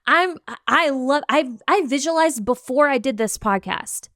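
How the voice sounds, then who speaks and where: A woman's voice: high-pitched, lively intonation, a little slow, fairly bright tone, no echo, clean studio sound. A woman hosting a podcast, giving a motivational monologue full of emphatic rhetorical questions and acted-out quotes. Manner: acts out quoted voices. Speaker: podcast host.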